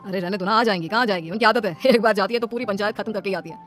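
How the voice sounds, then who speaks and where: A woman's voice: mid-range voice, rapid-fire, a bit bright, soft background music, natural voice. A woman voicing a breezy young son. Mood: offhand. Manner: casual and offhand. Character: young adult son, easygoing and dismissive.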